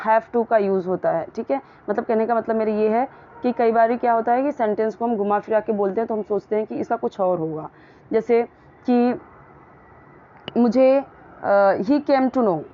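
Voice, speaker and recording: A woman teaching English grammar and pronunciation in a casual, patient way, often repeating words slowly so they can be copied. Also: on the high side, muffled recording.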